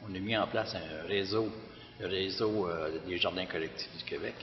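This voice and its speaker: A man's voice: low-pitched, normal speed. A man with a Québécois accent, director of a community garden, giving a hesitant public talk with many fillers and restarts. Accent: Québécois French. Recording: echoey hall, dull lo-fi sound.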